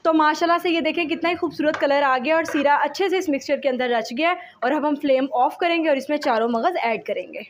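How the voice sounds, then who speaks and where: High-pitched woman doing a calm recipe voice-over, walking through each step slowly. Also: a little hiss or hum. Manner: calm step-by-step instructions mixing English words. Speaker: home cooking channel host.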